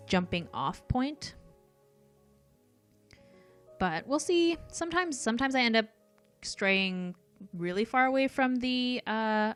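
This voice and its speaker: Soft-spoken and mid-range, a young Canadian woman hosts an art stream, chatting loosely as she reads comments from viewers. She says um a lot and laughs lightly along the way.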